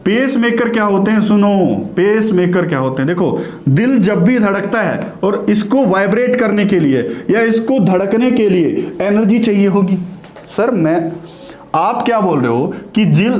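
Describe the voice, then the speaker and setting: A man's voice: high voice, expressive, normal speed, a little mellow. A man teaching a lesson who keeps asking questions and answering them himself, with a Haryanvi Hindi accent. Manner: asks and answers his own questions. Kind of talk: classroom lecture. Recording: echoey room.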